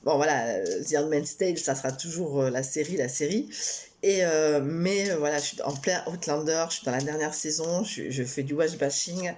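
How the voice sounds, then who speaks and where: A woman's voice: low voice, moderate pace. Rambling, giggly French-speaking woman vlogger. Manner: rambling with frequent hesitations and restarts; giggly and animated when joking. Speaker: tarot card reader. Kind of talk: casual chatty tarot vlog.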